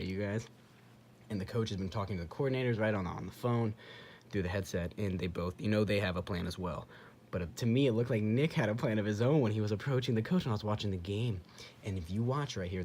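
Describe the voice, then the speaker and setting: Give me a young man with a lowish voice, talking excitedly as he breaks down sports footage. He keeps repeating himself for emphasis and slips into acted-out dialogue, with a faint hiss behind him. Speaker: channel host. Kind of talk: casual commentary over game footage.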